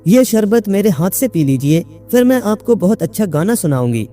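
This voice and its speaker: A man's voice: high-pitched, big pitch swings, normal speed, dark tone, soft background music. A man reading a story, voicing a young servant girl who politely coaxes a guest to drink. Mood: coaxing. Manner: coaxing, polite. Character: young female servant girl, sweet and coaxing.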